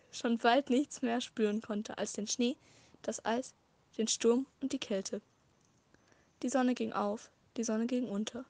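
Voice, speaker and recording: A woman narrating a fan-written story as a short audiobook, with a measured, dramatic reading and occasional slips. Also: a little high, a little mellow, dry recording. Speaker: amateur audiobook reader.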